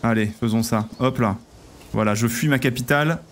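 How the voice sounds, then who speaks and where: A male streamer role-playing a king in a strategy game, thinking aloud through every move. His mid-range voice is excitable and full of exclamations, with a faint hiss of noise behind it. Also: medium pitch, fairly quick. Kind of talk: live-streamed game role-play chat.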